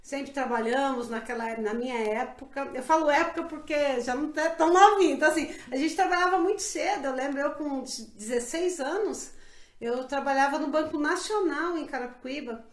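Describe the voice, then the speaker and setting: High-voiced woman in an echoey room. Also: moderate pace. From Brazil. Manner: earnest, reflective, many fillers and restarts. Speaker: interviewee, council pre-candidate. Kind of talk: casual interview.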